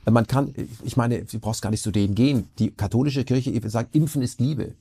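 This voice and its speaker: Casting: man, rapid, husky and gravelly, animated rambling talker. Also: mid-range voice. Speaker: interview guest. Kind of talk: casual conversation.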